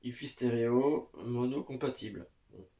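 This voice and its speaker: This man, a VHS tape reviewer, speaks warmly at a moderate pace and medium pitch. Sitting in his home basement before a front-facing camera, he chats informally, hesitating often with "euh" fillers and talking straight to whoever is watching.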